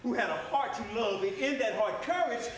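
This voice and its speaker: A man's voice: very high-pitched, animated, moderate pace. A man playing a grave Shakespearean lord who feigns grief, with hammy, declamatory delivery. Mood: impassioned self-defence. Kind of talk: Shakespearean stage acting. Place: indoor stage performance. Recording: very echoey hall, distant microphone, faint noise.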